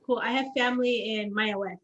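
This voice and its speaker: A woman's voice: on the high side, fairly even intonation, brisk, a bit bright, echoey room, lo-fi sound. A woman interviewing a band over a video call, upbeat and friendly, with many fillers. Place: her home in a large US city.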